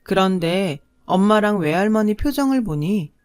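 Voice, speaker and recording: A woman's voice: mid-range voice, lively intonation, normal speed, a little mellow, smooth, no room sound, studio quality, faint music behind. A woman narrating a first-person radio story in a conversational, confiding way.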